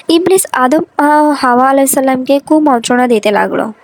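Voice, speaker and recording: A woman reading a scripted religious story in a measured, earnest storytelling manner. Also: on the high side, poor audio.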